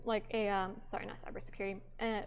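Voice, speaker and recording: A woman's voice: medium pitch, flat delivery, quick pace, slight background noise. A young woman livestreaming, chatting casually with her viewers while cooking in her home kitchen, rambling with lots of fillers.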